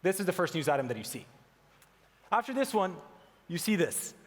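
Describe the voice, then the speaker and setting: A man from Portugal gives a keynote talk on a conference stage, his voice sitting slightly high for a man. He delivers it in an animated way. The sound carries the long reverb of a large event hall. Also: moderate pace. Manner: animated, reads out mock headlines. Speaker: conference speaker.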